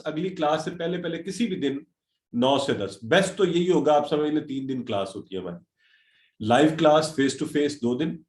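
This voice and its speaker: A man's voice: fairly high pitch, a little mellow. A middle-aged man teaching a grammar lesson over a video call, encouraging and dropping English words into his talk. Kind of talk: online class lecture.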